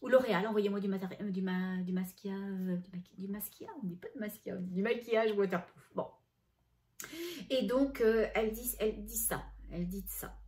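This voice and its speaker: Chatty woman, mellow voice. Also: mid-range voice, fairly quick. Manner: chatty, self-correcting, relays spirit messages in gentle tones. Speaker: spiritual medium. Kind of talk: channeling session monologue.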